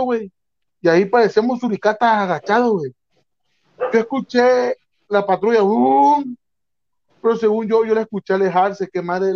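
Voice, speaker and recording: Young man, high voice, slangy storyteller who acts out his own story, dull lo-fi sound. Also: a little mellow. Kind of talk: casual storytelling chat.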